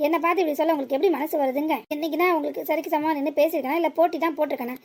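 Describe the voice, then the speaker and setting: A woman's voice: high-pitched, fairly even intonation, very fast, a little mellow. A woman voicing a cheeky middle-aged mother-in-law in a cartoon, with a playful, backtalking manner. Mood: pleading. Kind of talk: animated cartoon voice acting.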